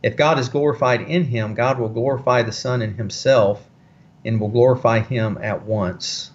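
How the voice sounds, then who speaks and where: A man teaching a Bible study in a conversational way, explaining passages with frequent pauses and fillers. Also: mid-range voice, fairly even intonation, lo-fi sound.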